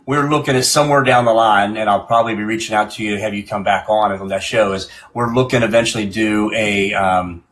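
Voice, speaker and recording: A man's voice: lowish voice, steady tone, quick pace, hardly any pauses, fairly bright tone. A man hosting a live-stream music show in a casual, chatty way, often repeating and restarting his phrases.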